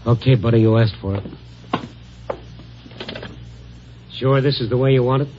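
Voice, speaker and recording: An actor playing a wry, hard-boiled newspaper reporter who narrates a 1950s radio drama, dry and wisecracking. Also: male voice, medium pitch, steady tone, quick pace, noisy background, close to an everyday voice. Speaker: narrator and lead. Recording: dull old radio broadcast recording.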